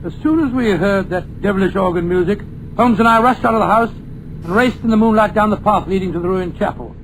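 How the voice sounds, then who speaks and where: Higher-voiced jittery doctor, hissy vintage radio. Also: male voice, brisk, poor audio. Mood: storytelling. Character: Doctor Watson, genial nervous male narrator. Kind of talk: 1940s radio drama acting. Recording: old radio broadcast with hiss.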